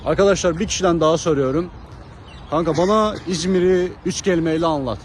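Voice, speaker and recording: A man's voice: fairly high pitch, fast. A man presenting casual street interviews, addressing viewers and repeating answers back. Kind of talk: casual vox-pop presenting. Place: outdoors on a city street. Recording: clear outdoor traffic noise.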